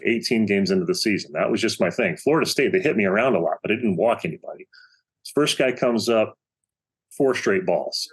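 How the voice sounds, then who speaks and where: Low-voiced man telling a story with animation. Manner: animated storyteller, acts out quotes. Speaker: podcast guest, baseball coach. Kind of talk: storytelling in casual interview.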